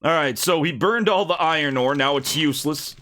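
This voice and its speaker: A man streaming live, commenting animatedly on an educational game, laughing and shouting at characters. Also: a little high, brisk, slight background noise, rough recording.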